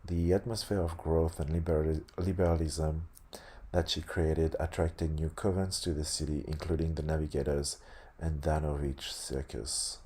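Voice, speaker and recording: Very deep, husky man with a lisp. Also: level tone, warm tone. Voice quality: lisp on s sounds. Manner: halting, often stumbles and self-corrects. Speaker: host reading a tabletop game sourcebook aloud. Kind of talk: reading aloud with casual asides.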